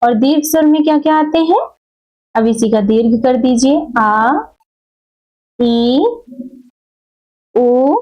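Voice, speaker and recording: A woman's voice: a little high, slow pace, pauses often, mellow, poor audio. A woman teaching a Hindi grammar lesson, stopping often to check in with her students and drawing out vowel sounds as examples. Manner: repetitive, checks in with "theek hai" often, drags out vowels as examples. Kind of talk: explanatory classroom lesson.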